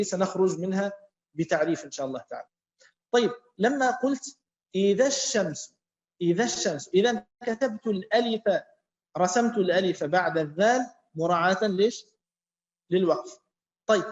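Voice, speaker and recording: High-voiced man teaching in an echoey classroom. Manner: slow, repeating and quizzing students. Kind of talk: classroom lesson with student questions. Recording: echoey, dull-sounding classroom.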